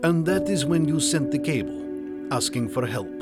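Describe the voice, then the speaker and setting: A formal, reserved adventurer who weighs every word, as a man voices him. His pitch is mid-range but swings widely from line to line. Music and crickets play behind him in an audio drama. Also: lively intonation, moderate pace, close to an everyday voice. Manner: stiff, formal speech without contractions. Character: formal, reserved foreign adventurer and war veteran, grown man.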